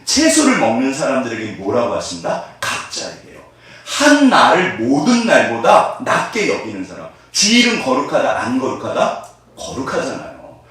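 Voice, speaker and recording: A pastor with a mid-range voice, speaking at normal speed, preaches animatedly and often addresses questions to his listeners. The audio sounds distant, in a reverberant room.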